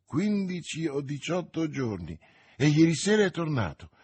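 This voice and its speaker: A man reading aloud and voicing a bold young swordsman, earnest and commanding, in a husky voice. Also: a little high, very animated, normal speed, a little mellow, exaggerated voice. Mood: urgent.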